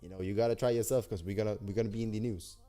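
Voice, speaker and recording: This young man from Denmark has a lowish, warm, steady voice that races as he livestreams an app builder demo with faint music in the background. He chats with viewers in hyped, slangy, repetitive talk.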